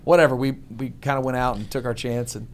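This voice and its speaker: A man from Texas hosting a casual chat, telling stories with lively voice mimicry. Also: medium pitch, quick pace, slight background noise. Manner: animated storyteller, mimics voices.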